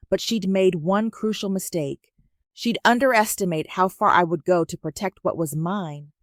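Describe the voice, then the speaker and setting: A woman in steady, tense scripted first-person narration of a family story. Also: on the low side, no room sound, clean studio sound.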